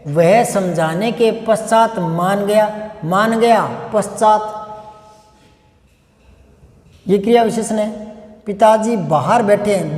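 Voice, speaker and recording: A man's voice: sits high, darkish tone. A male teacher giving a grammar lesson, working through each example by asking questions and answering them himself. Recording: echoey room with long reverb.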